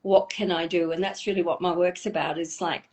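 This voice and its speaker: A woman speaking as a guest expert in a live online conversation, thoughtful and measured, slowing down on key points. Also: fairly low pitch, steady tone, darkish tone.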